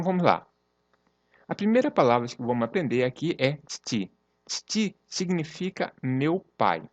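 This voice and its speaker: A man teaches Japanese in an online lesson, explaining patiently and repeating each word. He acts out small example sentences, and his pitch swings up and down a lot. The recording is dry and a little dull. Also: no echo.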